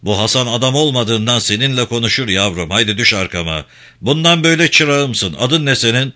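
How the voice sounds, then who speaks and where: A man voicing a jovial, gold-toothed middle-aged stonemason in a Turkish audiobook, speaking low and teasing. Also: animated, fairly quick, sharp tone. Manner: teasing, paternal, low-pitched.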